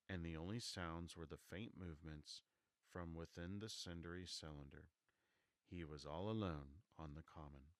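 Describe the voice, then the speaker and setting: A man with a soft voice narrating a classic novel as an audiobook. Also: low-pitched, dry recording.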